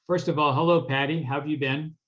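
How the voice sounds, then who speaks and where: A man, a legal counsel, giving a relaxed, friendly townhall presentation and answering questions on a video call. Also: on the high side, fast, muffled recording.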